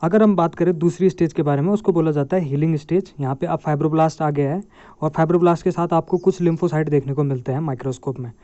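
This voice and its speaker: A young man teaches a medical lesson, posing questions and answering them himself. His voice sits a little high yet sounds mellow. The recording is dry and dull. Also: fast, dry recording. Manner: asks questions then answers them, addresses viewers as guys. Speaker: medical lecturer.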